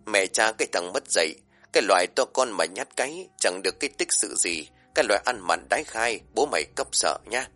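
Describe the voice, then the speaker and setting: A man's voice: medium pitch, animated, quick pace, darkish tone, soft background music, pitched above the performer's own voice, close to an everyday voice. A man voicing a clumsy young village boy, sulky and fumbling with his words. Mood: taunting.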